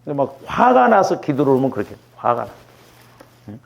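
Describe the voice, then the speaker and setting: A man's voice: medium pitch, sing-song, fairly quick, creaky, muffled recording. A middle-aged male pastor giving a conversational sermon, often checking in with the congregation. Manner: conversational preaching with rhetorical checks.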